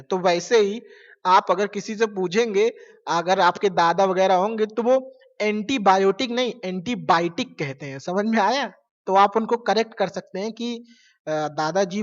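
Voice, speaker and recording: A male teacher explains science in a casual, conversational lecture. He keeps asking questions and answering them himself, repeating key terms. The recording sounds dull and lo-fi, and the voice trails off into a long echo. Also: high-pitched. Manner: casual, mixes English terms into Hindi. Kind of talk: classroom lecture. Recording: lo-fi with long reverb.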